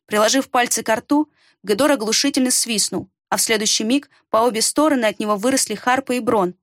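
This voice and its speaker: A woman reading a fantasy story aloud in a steady, measured narration. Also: a little high, no room sound, clean studio sound. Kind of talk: scripted audiobook narration.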